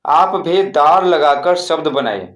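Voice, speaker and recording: A man teaches young students a textbook lesson. His voice sits a little high, and he keeps repeating words and checking that everyone is following along. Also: expressive, slow, a bit bright, dull audio. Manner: repeats words and asks rhetorical checks often. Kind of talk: explaining a school textbook lesson.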